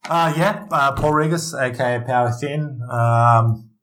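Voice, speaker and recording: A man chatting casually as a gaming podcast co-host. His voice is bright and forceful, and he rambles, restarts and retells the story as he goes. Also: medium pitch, unhurried. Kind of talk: casual chat.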